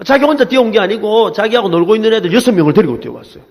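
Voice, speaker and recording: A man's voice: high voice, expressive, very fast, darkish tone. A man in his forties with a Gyeongsang accent preaching a sermon, telling stories with animation and calling on the congregation to repeat after him. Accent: Gyeongsang Korean. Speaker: pastor. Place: church sanctuary. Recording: long reverb in a church hall.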